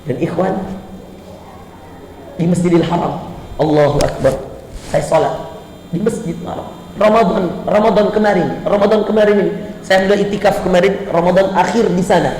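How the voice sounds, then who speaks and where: A middle-aged man preaching a mosque sermon, fervent, building to emphatic repeated lines and dropping soft when moved. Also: normal speed, long pauses, a little hiss or hum. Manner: fervent, rises to emphatic high repetitions, drops low and soft when moved. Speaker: ustadz, preacher. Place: mosque hall. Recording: echoey mosque hall, faint ambience.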